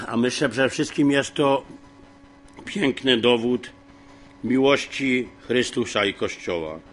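Man, informal Bible teaching, homely, rambling, fillers, clears throat. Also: medium pitch, slow pace, pauses often, soft background music. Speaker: preacher.

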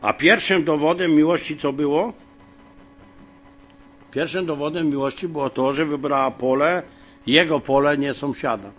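A man teaching from the Bible in a homely, rambling way, with many fillers and frequent throat clearing. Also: a little high, normal speed, long pauses, fairly bright tone. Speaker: preacher.

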